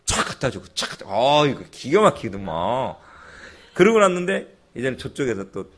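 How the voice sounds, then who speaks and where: A man preaching a sermon and telling a personal story in a lively way, with chuckling asides. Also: mid-range voice, a little fast. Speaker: pastor.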